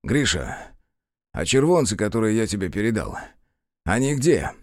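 A man's voice: lowish voice, sing-song, normal speed, darkish tone, no room sound, clean studio sound. A man voicing a guilty, fawning young detective who pleads and wheedles with his partner. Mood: pleading.

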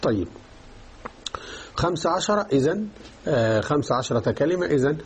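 Husky man teaching a lesson. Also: fairly high pitch, expressive, moderate pace. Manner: explanatory, checks understanding with repeated questions. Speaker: teacher of Islamic jurisprudence. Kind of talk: religious lesson explaining a text.

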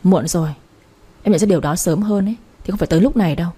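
A woman's voice: lowish voice, rapid-fire, dark tone, husky. A woman reading the part of a stern, cold husband in a spoken story, with a firm manner. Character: stern husband, adult man.

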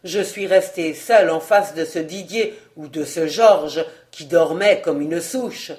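Reader voicing an old male servant, guilty, subdued, low voice, audiobook character. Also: takes it slowly, a little mellow, natural voice. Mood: defensive.

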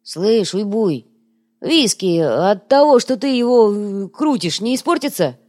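A woman's voice: medium pitch, sing-song, unhurried, darkish tone, pitched above the performer's own voice. Woman doing a coarse, curt male thug. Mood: grumbling. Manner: rough, curt.

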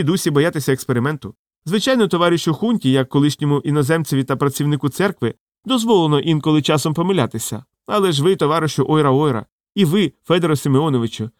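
A pompous middle-aged pseudo-scientist with a high, piercing falsetto, as a male audiobook reader puts him on. He lectures and accuses in a shrill, preachy sing-song. The recording is close and dry. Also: no room sound, lightly acted. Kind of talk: audiobook character voice.

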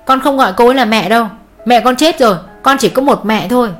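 A woman voicing a defiant teenage boy who shouts through tears at his father. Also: fairly high pitch, quick pace, soft background music, pitched above the performer's own voice, close to an everyday voice. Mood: defiant tearful.

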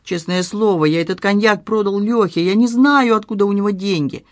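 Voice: medium pitch, brisk, no echo, natural voice. A narrator voicing a squealing, whining doorman. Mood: sobbing. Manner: whiny, pleading, squealing. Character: panicky whining young male doorman, a big lout. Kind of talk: audiobook character reading.

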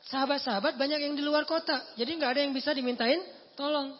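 A man with a husky voice giving a casual sermon as a lively storyteller who acts out the voices in his stories. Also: very high voice, quick pace. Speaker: preacher. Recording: echoey hall, muffled lo-fi sound.

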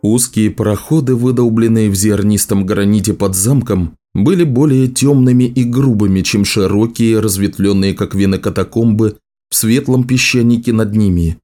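A man's voice: lowish voice, normal speed, mellow. A man steadily reading a fantasy novel aloud as the audiobook narrator.

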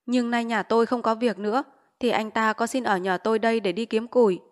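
A woman's voice: fairly high pitch, fairly even intonation, fairly quick, lightly acted. A woman voicing an anxious old landlady. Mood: placating. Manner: pleading, deferential, raised voice. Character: anxious old landlady, placating and quick-witted. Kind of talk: audiobook character voice.

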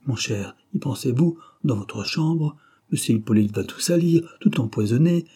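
A man voicing a shrill, indignant middle-aged wife in a read-aloud novel. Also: expressive, normal speed, warm tone, slightly rough. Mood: shrill scolding.

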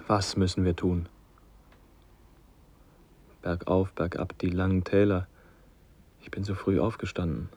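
An actor playing a frightened young son facing sacrifice, speaking in a hushed, hesitant, fearful way in a radio play. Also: male voice, low-pitched, level tone, a little slow, pauses often, dry recording. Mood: pleading. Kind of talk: vintage radio play acting.

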